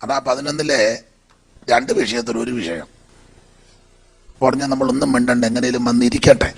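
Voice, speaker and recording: Husky Malayali pastor preaching. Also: male voice, medium pitch, moderate pace. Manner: animated preaching with lists and asides to the congregation. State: blocked throat. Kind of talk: sermon.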